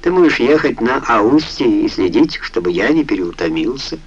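A man's voice: medium pitch, sing-song, normal speed, husky, dull audio. Proud pasha, playful and blunt, as read by a male audiobook narrator. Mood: teasing.

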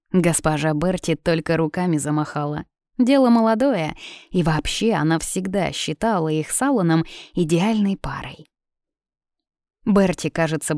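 Low-voiced woman narrating an audiobook. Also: a little mellow, no echo, clean studio sound.

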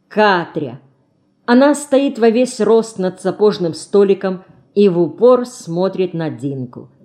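A woman narrates an audiobook with expressive, emotional storytelling. Her voice is warm and mellow, at a mid pitch. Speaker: audiobook reader. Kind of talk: scripted narration.

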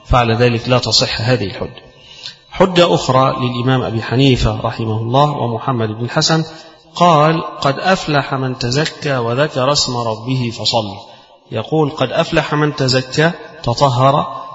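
A man's voice: mid-range voice, a bit bright. Egyptian man teaching in an echoing hall. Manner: explains texts in colloquial Egyptian Arabic, recites quoted rulings slowly. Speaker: Islamic scholar teaching fiqh. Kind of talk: religious lesson. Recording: roomy, long reverb, dull lo-fi sound.

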